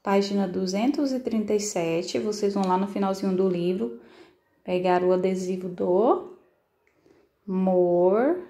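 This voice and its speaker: A woman with a Brazilian Portuguese accent teaching first graders, sounding out syllables slowly and patiently. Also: mid-range voice, fairly even intonation, mellow, echoey room. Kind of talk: recorded online lesson for children.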